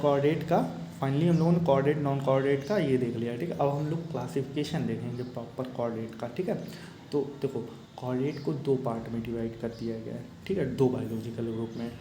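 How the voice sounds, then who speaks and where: Male biology tutor, casual lecture, mellow tone, roomy faint-noise recording. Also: medium pitch. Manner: chatty, keeps asking "okay?", acts out student questions. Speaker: biology teacher. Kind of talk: casual Hindi lecture for exam students.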